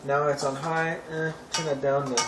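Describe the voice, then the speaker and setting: A man's voice: a little high, level tone, normal speed. A young man hosting a home cooking tutorial, chatty and offhand with wry asides. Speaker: cooking show host. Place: home kitchen. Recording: echoey kitchen, distant camera mic, noisy. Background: clattering pots and cutlery.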